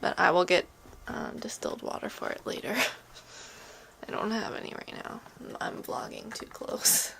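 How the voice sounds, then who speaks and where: A sick woman with a stuffy nose and a sore throat, chatting casually to camera at home in a rambling, soft-hearted way. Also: on the low side, normal speed, creaky, noisy background. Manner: rambling, soft-hearted talk to pets and objects. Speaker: vlogger. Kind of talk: casual chat to camera, sick day vlog. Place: at home in a bedroom.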